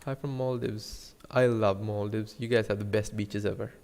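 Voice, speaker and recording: Young guy from sri lanka rambling to his stream chat, low gravelly voice, bit of long reverb. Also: steady tone, normal speed, a little mellow. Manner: rambling, joking with chat viewers. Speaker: 3D designer streaming. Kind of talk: casual live-stream chat while modeling.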